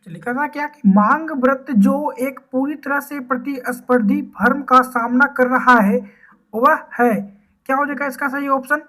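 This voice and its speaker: A woman teaching a quiz-style exam-prep lesson. She asks each question, then repeats the answer, with drawn-out fillers. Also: sits high, a bit bright. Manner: drawls and repeats words, frequent fillers.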